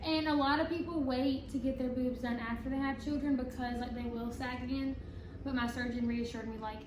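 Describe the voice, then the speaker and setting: A woman's voice: high-pitched, fairly even intonation, fairly quick. A woman chatting casually as a talk show guest, who has trouble saying her R's, which sound like W's. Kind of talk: casual chat. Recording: echoey room, clear background noise.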